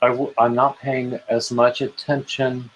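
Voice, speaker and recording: A man's voice: medium pitch, flat delivery, unhurried, highs cut off, a little hiss or hum. A man in his fifties hosting a casual knitting livestream, hesitant and self-deprecating, with dry jokes and many restarts. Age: 50s. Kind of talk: casual chat while knitting.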